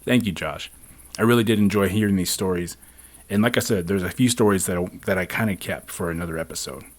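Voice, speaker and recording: A man's voice: sits low, quick pace. A man from the southwestern United States hosting a podcast in a conversational urban legend teller manner. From southwestern United States, Navajo Nation. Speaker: podcast host.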